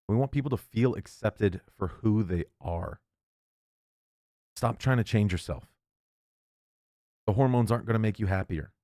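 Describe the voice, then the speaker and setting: A man's voice: fairly low pitch, a little mellow, dry recording, studio quality. A man reading an article aloud and breaking off into heated, indignant commentary, often stumbling and restarting. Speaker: political commentator.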